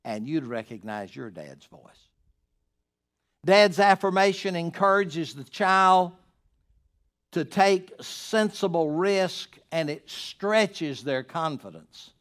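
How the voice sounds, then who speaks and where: An older male pastor delivering a sermon to his congregation. His voice sits a little high for a man, and he swings from booming, emphatic declarations down to near-whispered asides. His delivery is earnest and driving. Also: expressive, slow pace. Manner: swings between booming emphasis and hushed quiet.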